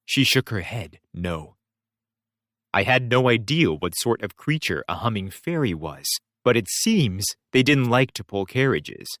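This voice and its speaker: A man narrating a novel in the first person, wry and expressive. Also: fairly low pitch, a little slow, dry recording, clean studio sound. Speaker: audiobook reader.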